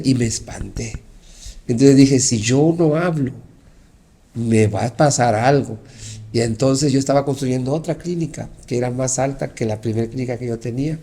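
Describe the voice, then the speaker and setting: A middle-aged pastor, a man, telling his personal testimony in an interview and acting out the dialogue as he goes. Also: medium pitch. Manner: animated storytelling, acting out dialogue.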